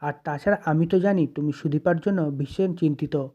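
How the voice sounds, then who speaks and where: A narrator reading a gentle self-sacrificing husband. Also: male voice, a little high, fairly quick, lo-fi sound, natural voice. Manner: gentle, reassuring lines read plainly. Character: calm, self-sacrificing elder brother and husband.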